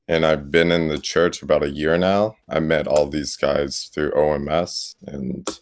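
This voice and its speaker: A man's voice: rumbling low, level tone, a little slow. A man in his twenties from Texas, chatting easygoingly as a podcast guest. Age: 20s. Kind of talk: casual chat.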